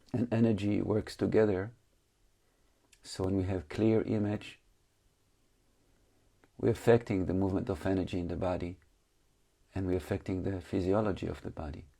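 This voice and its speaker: Speaking at a normal pace, this meditation teacher has a deep, dark, relaxed and creaky voice. He offers calm, brief instructions and pauses often, leaving long gaps, and his English is phrased in a slightly non-native way.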